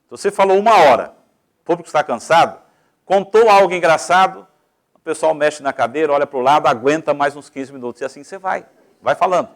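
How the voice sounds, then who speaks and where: Fairly high-pitched, animated, and brisk, a man with a Brazilian Portuguese accent teaches public speaking in a didactic lecture, explaining step by step and letting his volume and pace shift freely.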